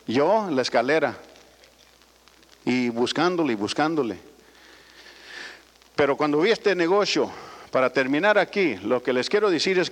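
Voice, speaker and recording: An older man tells a rambling, folksy personal story to an audience, often adding little tag questions. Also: a little high. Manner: folksy, rambling, frequent "¿verdad?" tags. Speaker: speaker addressing business associates. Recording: long hall reverb.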